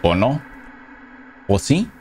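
A man's voice: mid-range voice, very animated, drawn-out words, a little mellow, slightly rough. A man commentating a horror game as he plays, reading the game's dialogue aloud between casual reactions. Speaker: gameplay commentator. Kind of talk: let's play commentary.

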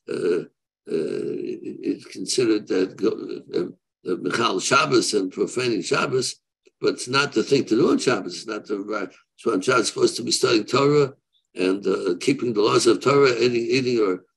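Gravelly, husky older rabbi. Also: male voice, on the low side, low-quality recording. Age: 70s. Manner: halting, repeats and rephrases, weighing both sides. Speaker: rabbi answering questions. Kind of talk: unscripted religious question-and-answer. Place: room, seated on a video call. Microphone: video call microphone.

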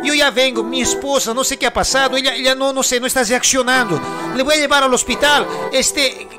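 A man voicing a panicked young husband who pleads in a rushed, breathless way, with music behind. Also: very high voice, fairly even intonation, pitched above the performer's own voice. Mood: frantic.

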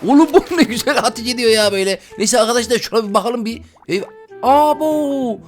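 A gaming YouTuber with a high, fast-talking voice narrates a video game for viewers in excited let's-play commentary. He keeps bursting into loud, excitable exclamations while faint game music plays underneath.

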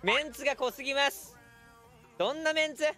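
A man giving lively live commentary while streaming a game, breaking into quick shouted reactions and laughs. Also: very high voice, faint music behind.

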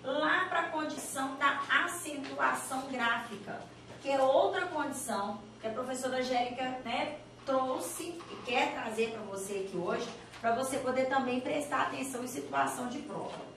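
A woman's voice: high-pitched, normal speed, distant mic, slight background noise. Chatty Brazilian woman teaching in an echoey room. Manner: lively, chatty, asks the viewer questions. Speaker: Portuguese teacher. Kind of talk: online exam-prep lesson. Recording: echoey room, voice a bit off mic.

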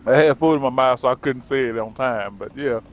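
A man's voice: medium pitch, a little fast, muffled recording, a little hiss or hum. A man streaming a video game, talking casually with jokes and profanity. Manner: laid-back, profane, joking. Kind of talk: casual gaming commentary.

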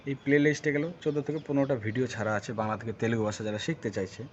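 A man from Bengal giving a casual video language lesson, repeating words slowly and often asking whether the viewer understands. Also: mid-range voice. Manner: repeats words slowly with many check-ins. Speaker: language teacher. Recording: dull lo-fi recording, faint noise.

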